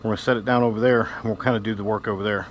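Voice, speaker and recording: A middle-aged man who removes wasps for his vlog speaks very fast in a fairly low, steady voice. Working in an open barn and yard, he keeps up folksy, unpolished commentary as if talking to himself, over a loud engine-like vacuum and outdoor noise.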